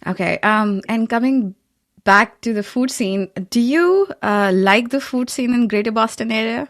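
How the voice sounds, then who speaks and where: Fairly high-pitched and measured, this woman podcast host sounds clean and studio-like with no echo, though she's recording in a closet. She's effusive and full of banter, moving from a scripted intro into chatty interview conversation.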